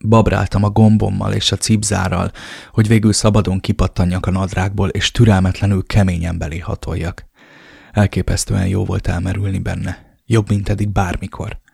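A man narrating a romance novel in the first person with a low, brooding, even delivery. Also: gravelly, breathy edge, dry recording, studio quality. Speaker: audiobook narrator.

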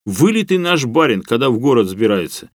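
A man's voice: mid-range voice, sing-song, fairly quick, no echo, studio quality, pitched above the performer's own voice. A man voicing a simple, servile male peasant who speaks in folksy, rustic phrases. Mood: humble. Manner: humble, folksy, rustic speech.

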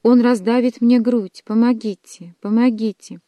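A woman's voice: on the high side, a little slow, mellow, dry recording, clean studio sound, natural voice. A woman reading aloud and voicing a frightened young man who pleads and answers meekly. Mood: terrified. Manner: pleading, faltering.

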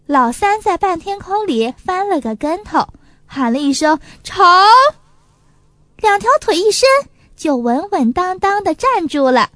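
A woman reading a children's folk tale aloud, expressive and animated. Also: very high-pitched, a little slow, dry recording, clean studio sound. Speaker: storyteller. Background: faint music.

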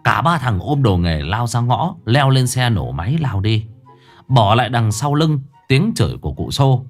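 Male narrator, comic story, lively intonation, mid pitch. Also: normal speed, soft background music.

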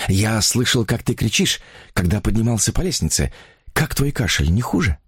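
A man's voice: lowish voice, sing-song, normal speed, breathy edge, dry recording, clean studio sound, heavily acted. A man voicing a cheerful, sly husband who speaks in an easy, amused way.

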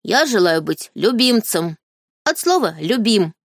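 Audiobook: woman reader as detached male sacred beast in boy form, flat calm delivery, dry close sound. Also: medium pitch, unhurried, dry recording. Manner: calm, indifferent, matter-of-fact. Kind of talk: audiobook character reading.

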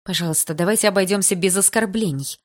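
A woman voicing a principled female class teacher who pleads earnestly for calm. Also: mid-range voice, fast talker, close to an everyday voice.

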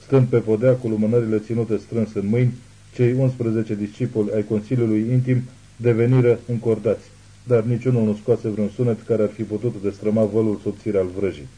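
A male audiobook narrator with a low, very dark voice reads in a measured, ominous way. A husky grain runs through his narration. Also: flat delivery, low-quality recording. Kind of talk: scripted narration.

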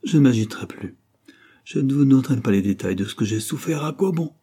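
This audiobook reader is a man with a mid-range, dark, husky voice pushed upward, speaking animatedly and fairly quickly. He portrays a proud, wild, distraught dying woman given to vehement angry outbursts, here sounding pleading and intense.

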